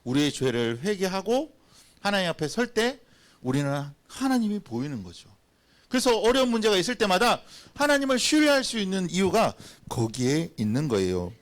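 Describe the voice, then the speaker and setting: A man pastor giving a lively, playful children's sermon and having the children repeat after him. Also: high voice, moderate pace. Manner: animated, playful, acts out little scenes.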